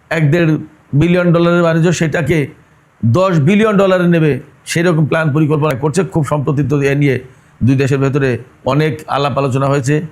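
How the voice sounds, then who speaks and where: Combative man with a raised pitch. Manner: argumentative, rhetorical questions; addresses listeners directly. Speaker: political commentator. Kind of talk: opinionated news commentary.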